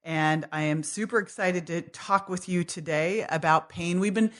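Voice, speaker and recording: A woman's voice: on the low side, moderate pace. Chatty upbeat female podcast host. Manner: upbeat and chatty, with casual slang and laughs. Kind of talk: casual interview chat.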